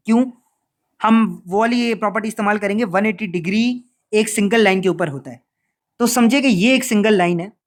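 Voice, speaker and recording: A man with an Urdu accent walks through a geometry lesson on video. He explains in a playful way and slips English phrases into his talk. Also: sits high. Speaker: math teacher.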